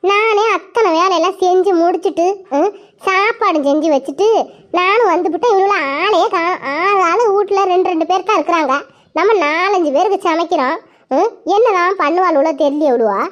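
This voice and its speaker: A woman's voice: very high-pitched, moderate pace. A woman voicing a put-upon young village housewife in a cartoon, grumbling and lamenting, on a dull lo-fi recording.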